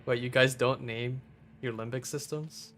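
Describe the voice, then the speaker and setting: A young man streaming a game, talking casually with chuckles and halting fillers. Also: medium pitch, steady tone, a bit bright, a little hiss or hum. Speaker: developer and streamer. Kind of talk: casual live stream chat.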